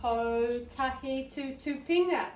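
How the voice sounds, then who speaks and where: Indoors at a preschool, a high-voiced woman from New Zealand guides small children through an interactive story. She sounds enthusiastic and reassuring, chanting in a sing-song way and dragging out words. The mic is far off, leaving a roomy, noisy recording.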